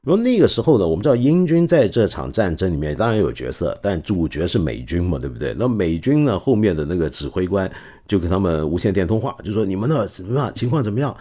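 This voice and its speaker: A middle-aged man hosting a podcast, telling stories in a casual, animated way and acting out the quotes. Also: low-pitched, fast. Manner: animated, acts out quotes with laughs. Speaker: podcast host. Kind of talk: casual storytelling talk.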